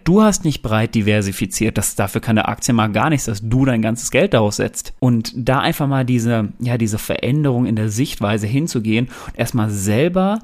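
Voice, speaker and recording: A man's voice: medium pitch, darkish tone. A man co-hosting a podcast, giving earnest, direct motivational advice in a conversational way. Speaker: podcast co-host.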